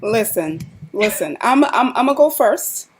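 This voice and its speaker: A woman's voice: on the high side, lively intonation, a little slow, slight background noise. A woman co-hosting a live chat show who gives her opinion bluntly, hammering her points with repetition. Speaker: podcast co-host.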